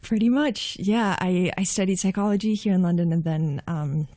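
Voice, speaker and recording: A woman's voice: lowish voice, moderate pace, warm tone, no echo, clean studio sound. A young woman from Russia, raised in Spain, with an American accent, a singer-songwriter chatting in a friendly way on a radio show. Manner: friendly, laughs easily. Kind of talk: casual radio interview. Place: radio studio.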